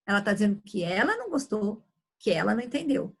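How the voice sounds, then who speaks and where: A woman's voice: mid-range voice, sing-song, quick pace, breathy edge. A woman leading a live communication workshop, explaining with examples and frequent check-ins. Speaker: communication trainer.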